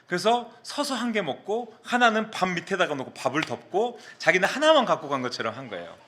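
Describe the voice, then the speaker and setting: A male pastor from the Mokpo area of South Korea, preaching a sermon and telling a personal story in an animated way that acts out the quotes. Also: sits high, a little fast.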